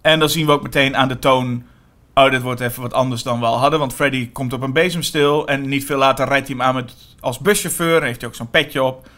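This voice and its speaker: A man co-hosting a podcast, talking casually about horror films in quick, animated bursts with many fillers. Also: medium pitch. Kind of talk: casual film discussion.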